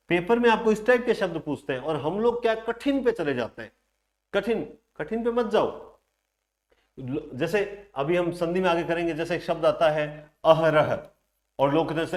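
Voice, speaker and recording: A man teaching a grammar class online, explaining step by step and answering his own questions aloud. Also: a little high.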